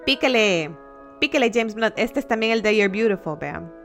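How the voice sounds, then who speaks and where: A Mexican woman talking to her viewers in a loose, chatty way, cracking jokes and laughing as she goes. Her voice sits at an ordinary middle pitch. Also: expressive, moderate pace, a bit bright, faint music behind. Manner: chatty, joking, laughs often, talks to viewers. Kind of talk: casual livestream chat.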